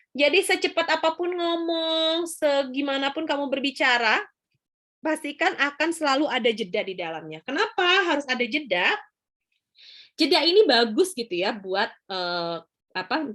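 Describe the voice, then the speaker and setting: A woman's voice: on the high side, a bit bright. A woman lecturer explaining in a chatty way, with frequent fillers and rhetorical questions to her students. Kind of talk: casual spoken lecture.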